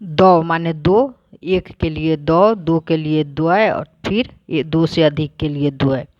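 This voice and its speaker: A woman teacher talks through a lesson, reading each word aloud before explaining it plainly. Her voice sits low and she speaks at an unhurried pace. The recording is dry and a little muffled. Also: no room sound. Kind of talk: slow, deliberate lesson explanation.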